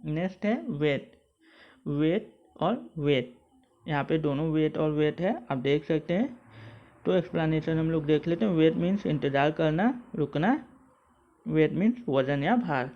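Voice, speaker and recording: A man's voice: a little high, normal speed. A male school English teacher explaining a textbook lesson word by word, methodical and repetitive. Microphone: mobile phone. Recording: dull lo-fi phone recording.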